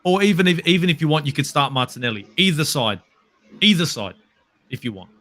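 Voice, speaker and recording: A man talking football casually, animated and swearing now and then. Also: fairly high pitch, brisk. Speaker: podcast guest.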